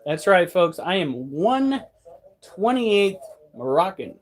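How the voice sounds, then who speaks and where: With a high, sing-song, slow voice, this man in his thirties delivers a casual monologue for his pet channel. He's blunt and tends to burst into profane rants.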